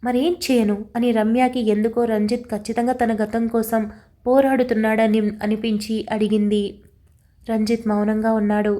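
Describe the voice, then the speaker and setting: A woman narrating a romantic audio story in a calm, even manner. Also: fairly high pitch, normal speed.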